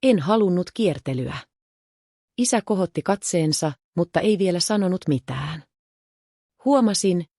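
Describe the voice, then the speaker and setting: A woman narrating a first-person story in a calm, measured way. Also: lowish voice, dry recording, studio quality.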